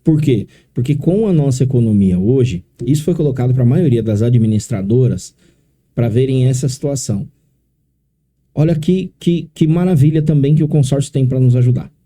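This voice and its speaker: A man's voice: medium pitch, normal speed, warm tone. A middle-aged man from São Paulo with a São Paulo accent, explaining things step by step in a podcast interview. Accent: São Paulo Portuguese. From São Paulo, Brazil. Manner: explains step by step, often adding tag questions. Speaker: consórcio specialist guest.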